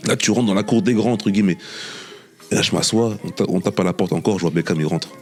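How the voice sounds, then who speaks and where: A former professional footballer chatting as a guest, telling animated anecdotes and repeating himself often. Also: male voice, on the low side, fast. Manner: animated anecdotes with many repetitions and "tu vois". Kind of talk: casual storytelling interview.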